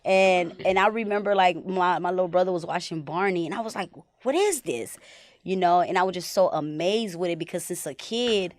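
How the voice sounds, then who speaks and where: A woman's voice: on the low side, brisk, dry recording. A young woman from Haiti, a film director talking casually as a podcast guest. She tells stories reflectively and fills them with "like" and "you know.". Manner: reflective storytelling, many "like" and "you know" fillers.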